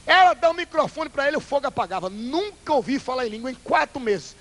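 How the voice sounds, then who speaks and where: A male Pentecostal pastor, preaching a fiery, theatrical sermon that swings between loud bursts and hushed asides. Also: very high voice, animated, fast talker, low-quality recording. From Brazil.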